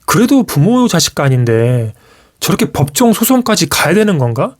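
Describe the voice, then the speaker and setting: Animated man telling a personal story. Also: a little high, moderate pace. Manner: animated storytelling, acts out quoted parents; frequent restarts, casual speech. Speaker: YouTuber. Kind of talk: live-stream talk to viewers.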